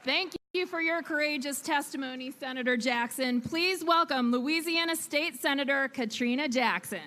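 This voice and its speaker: High-voiced woman host, booming reverb. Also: moderate pace, sharp tone. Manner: enthusiastic. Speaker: event host introducing a speaker. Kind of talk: rally introduction. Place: large event, amplified. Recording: reverberant, noisy outdoor PA.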